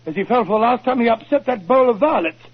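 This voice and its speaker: Old muffled radio play, a proper english doctor, earnest, pretty high voice. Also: male voice, animated, fast talker, breathy edge, full character voice. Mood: inquisitive, eager. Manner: earnest, precise storyteller. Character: earnest, gentlemanly English doctor recounting detective cases. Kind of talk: 1940s radio drama acting. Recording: muffled 1940s radio broadcast recording.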